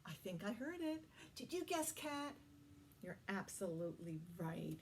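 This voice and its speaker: A children's librarian leads a toddler story time, using simple, encouraging phrases, questions and praise for the little ones. Her voice is medium-pitched and very animated at a measured pace, with a little hiss or hum in the audio.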